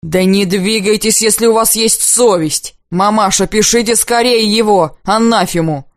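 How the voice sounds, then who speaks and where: A woman reading aloud, voicing an excitable young male painter who exclaims in frantic rapture, close to tears. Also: mid-range voice, moderate pace, dry recording, close to an everyday voice. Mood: frantic, rapturous.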